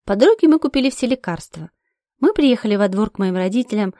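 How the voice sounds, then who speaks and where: A woman reads a first-person story in an urgent, emotional voice. Her pitch sits in the middle range for a woman. The recording is dry and close, with almost no room sound. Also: lively intonation, fast, mellow, dry recording. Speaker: narrator. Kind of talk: first-person audiobook reading.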